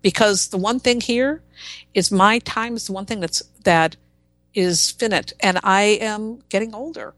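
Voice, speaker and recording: A woman in her forties talks bluntly and with force as a podcast guest. She tells her stories in an animated, no-nonsense way. The sound is dry and close, with no room echo. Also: mid-range voice, measured pace. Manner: blunt, emphatic, animated storytelling. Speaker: podcast guest, tarot reader. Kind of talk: casual interview chat.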